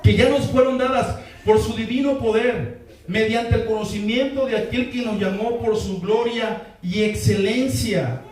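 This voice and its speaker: High-voiced pastor preaching in an echoey hall. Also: male voice, unhurried, a little mellow. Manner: repeats key lines and calls for congregation responses. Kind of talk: sermon. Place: church sanctuary. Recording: echoey hall, voice from far off the mic.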